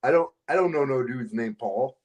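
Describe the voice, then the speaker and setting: A man's voice: mid-range voice, lively intonation, moderate pace, darkish tone, lo-fi sound. A man who is a retired army veteran, a guest on a podcast, giving brief laid-back answers. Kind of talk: casual conversation.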